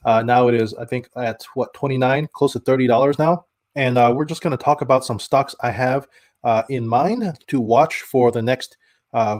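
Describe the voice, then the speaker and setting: A man's voice: medium pitch, a little mellow, no echo, studio quality. A man hosting a live stream about stocks, chatting casually, reading viewer comments and restarting his sentences with many fillers. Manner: thanks viewers by name, reads chat comments. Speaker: stock channel host.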